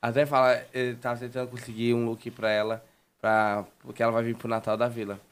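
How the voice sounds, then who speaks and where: A man's voice: medium pitch, completely flat delivery, brisk, smooth. A man, chatting casually as a guest. He tells a long personal story, repeating words and restarting his sentences as he goes.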